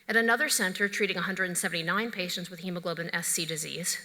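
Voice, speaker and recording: A woman's voice: on the low side, gravelly, pushed and bright. A middle-aged woman physician giving a conference lecture, conversational and opinionated, with joking asides. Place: large conference hall. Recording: echoey lecture hall.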